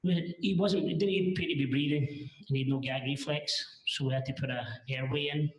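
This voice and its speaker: A man testifying as a paramedic witness, answering in a halting, hesitant, plain-spoken way, heard in a courtroom recording. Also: on the high side, steady tone, reverberant, low-quality recording.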